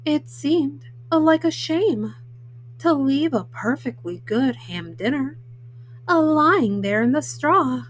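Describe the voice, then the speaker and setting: A woman voicing a folksy, self-justifying male wolf in a storybook, haltingly, with frequent uhs. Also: sits high, lively intonation, slight background noise, poor audio. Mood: self-justifying, matter-of-fact. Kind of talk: storybook read-aloud in first person.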